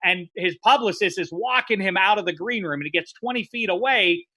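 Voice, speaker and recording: A man co-hosting a podcast, telling an animated story and acting out the quotes. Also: a little fast, no echo. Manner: acts out quotes with big pitch jumps. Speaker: podcast co-host.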